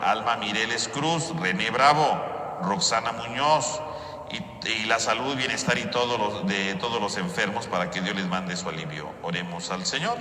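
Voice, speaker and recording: A man leads Mass as a priest, preaching and often checking in with "¿verdad?". His voice is piercingly bright and sharp. It rings through a large church with a cathedral echo and a long reverb tail. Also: lowish voice, moderate pace. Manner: preaching with frequent "¿verdad?" tags. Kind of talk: homily and prayers at Mass.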